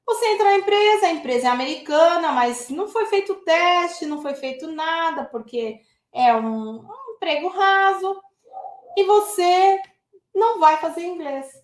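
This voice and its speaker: A woman giving a casual, lively English lesson and talking straight to her viewers. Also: very high-pitched, normal speed, reverberant. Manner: lively, addresses viewers as "gente". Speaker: English teacher.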